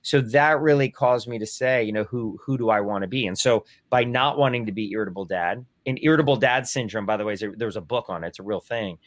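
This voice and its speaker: A man's voice: on the low side, fast, few pauses, no echo. A man in his forties, talking in a casual discussion with rambling, self-deprecating speech and frequent restarts.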